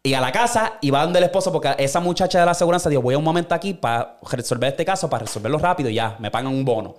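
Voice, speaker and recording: A man retells a story in loose podcast chat, bouncing into quick put-on voices for the people in it. His voice sits a little high and he swears freely as he talks. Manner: animated storyteller, acts out quoted voices, swears a lot. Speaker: podcast co-host. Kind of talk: casual chat.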